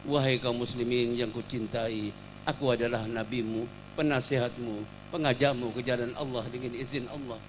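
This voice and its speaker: A man's voice: medium pitch, steady tone, moderate pace, background noise. A man with a Javanese accent preaching a sermon as a dramatic storyteller. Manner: dramatic storyteller, swelling to emotional peaks.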